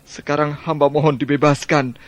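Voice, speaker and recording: A man's voice: fairly high pitch, little pitch movement, brisk, natural voice. An actor playing a fearful old male servant who begs and sobs for mercy in a radio drama. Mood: anxious. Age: older. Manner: whining, begging, sobbing. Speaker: servant of the minister.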